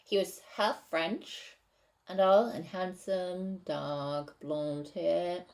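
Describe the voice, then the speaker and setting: A woman reads from her novel draft and talks it over, hesitant and pausing to rethink her wording. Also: fairly low pitch, fairly even intonation, vocal fry, darkish tone. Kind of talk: casual reading and commentary.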